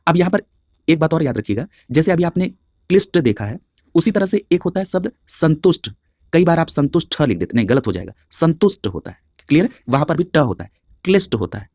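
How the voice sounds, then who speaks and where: Brisk Hindi teacher asking "clear?". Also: male voice, a little high, big pitch swings, a little mellow, dry recording, clean studio sound. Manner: drills each answer, checks with a constant "clear?"; spells words out slowly letter by letter. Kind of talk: exam-prep spelling lesson.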